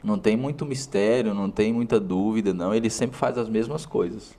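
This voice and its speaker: A man's voice: fairly low pitch, a little fast, warm tone. A man with a Brazilian Portuguese accent delivers a motivational talk. He addresses the viewer directly and stresses his points with short, punchy phrases that he often repeats. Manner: emphatic, speaks directly to the viewer. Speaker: host.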